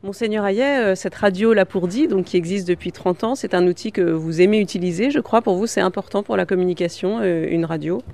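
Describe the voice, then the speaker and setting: A man interviewing guests on the radio, asking halting questions that lean on filler words. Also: high voice, creaky, a little mellow.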